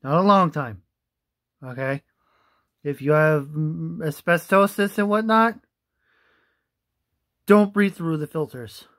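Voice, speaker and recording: A young man giving a casual, halting explainer to camera, often repeating himself, on a phone held at arm's length indoors. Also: fairly high pitch, fairly bright tone. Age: young adult. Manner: halting, repetitive. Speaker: vlogger. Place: small room indoors.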